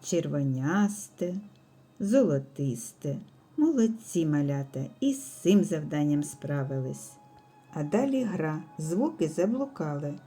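A woman teaching a speech development lesson for young children, speaking slowly and clearly with careful enunciation. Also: sits low, very animated, warm tone, faint music behind. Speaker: preschool teacher.

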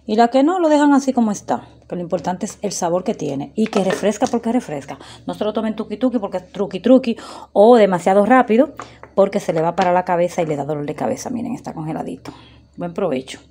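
A woman's voice: mid-range voice, animated, fast talker, dark tone, a little hiss or hum. A woman chatting casually to her viewers while making a drink in her home kitchen, filmed on a phone. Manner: chatty, addresses viewers as girls. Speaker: vlogger.

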